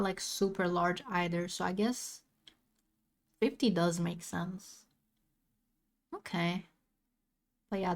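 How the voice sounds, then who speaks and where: Cute anime-streamer woman, casually reacting. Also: mid-range voice.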